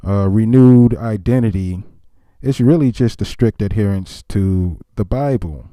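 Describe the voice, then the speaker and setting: A man hosting a reaction commentary, explaining in a calm, measured way. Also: fairly low pitch, clear, resonant tone, no room sound, studio quality. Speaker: commentary channel host.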